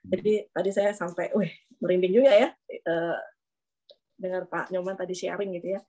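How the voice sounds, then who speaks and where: A woman's voice: fairly low pitch, steady tone, moderate pace, mellow. A woman hosting a church program, responding to her guest in a chatty, affirming way with many tag questions. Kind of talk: casual chat.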